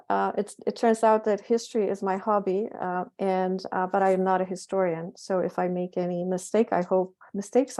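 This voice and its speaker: A middle-aged woman with a Polish accent gives a lecture presentation in a warm, mellow voice. Her pitch sits in a normal middle range. She speaks haltingly, often restarting and correcting herself. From Poland. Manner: halting, with frequent self-corrections and fillers. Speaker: presenter, physician and project curator.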